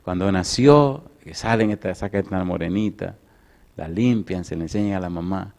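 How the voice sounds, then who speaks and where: A middle-aged man preaching, swinging between loud emphatic lines and soft, hushed storytelling. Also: deep voice, moderate pace, gravelly. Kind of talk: sermon with personal storytelling.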